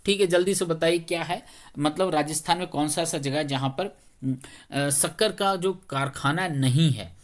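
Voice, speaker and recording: A male teacher, a little under the weather, talking slowly through exam questions in a conversational way and often checking whether students follow. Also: on the high side. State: slightly unwell, speaking slowly.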